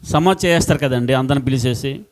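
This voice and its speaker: A man preaching a sermon as pastor, impassioned and repetitive, swinging between loud outbursts and hushed words. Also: mid-range voice, quick pace.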